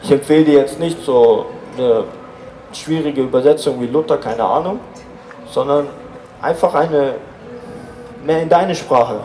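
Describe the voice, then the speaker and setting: A man's voice: a little high, unhurried, pauses often, mellow, reverberant, slight background noise, low-quality recording. Earnest man giving casual faith testimony. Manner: informal, earnest, many fillers.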